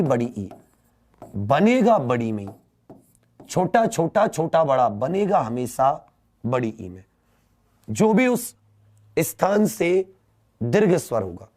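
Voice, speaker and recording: Slow, lively-pitched male teacher. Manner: drawn-out, questioning students, repeating words for emphasis. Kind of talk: exam-prep grammar lesson.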